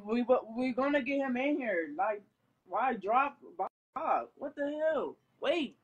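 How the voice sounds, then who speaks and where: A woman's voice: a little high, expressive, slow, slightly rough, lo-fi sound. Sassy woman in live-stream banter. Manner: sassy, argumentative.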